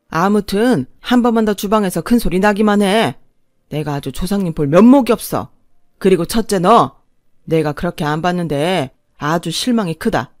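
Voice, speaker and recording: A woman voicing a stern older father-in-law who lectures and scolds in a loud, booming, authoritarian voice, in a dry recording. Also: no room sound, natural voice.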